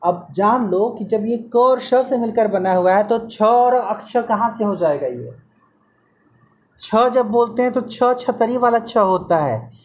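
A man gives a one-on-one Hindi pronunciation lesson, unhurried and deliberate. He patiently drills each sound and corrects his student's mistakes. A faint hiss sits under his voice. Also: high-pitched, darkish tone. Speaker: Hindi language teacher.

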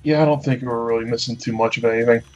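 A man's voice: mid-range voice, steady tone, very fast, lo-fi sound, faint music behind. A man co-hosting a casual chat on a headset, his voice hollow and tunnel-like, like a speakerphone. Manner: laid-back, rambling storytelling. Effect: hollow, tunnel-like sound like a speakerphone.

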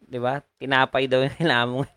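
Smooth-voiced man giving opinions. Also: mid-range voice, little pitch movement, fairly quick, pushed and bright, no room sound. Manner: opinionated, reflective, asks for agreement with tag questions. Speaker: podcast co-host. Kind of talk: casual chat.

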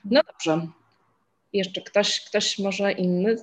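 A woman with a hoarse voice moderating a book club discussion, reflecting on a book and inviting others to speak. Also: medium pitch, steady tone, drawn-out words.

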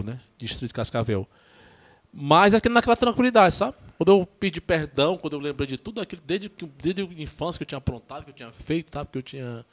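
Chatty priest with a northeastern Brazilian accent. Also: male voice, fairly high pitch. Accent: northeastern Brazilian (Ceará). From Ceará, northeastern Brazil. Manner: halting and repetitive, tags "né?" often, restarts. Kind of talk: casual podcast interview storytelling.

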